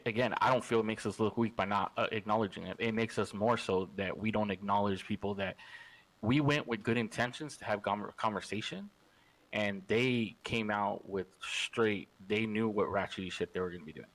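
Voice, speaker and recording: A man's voice: lowish voice, fairly even intonation, normal speed, fairly bright tone, low-quality recording. A man speaking in character at a roleplay gang meeting, rambling and repeating himself.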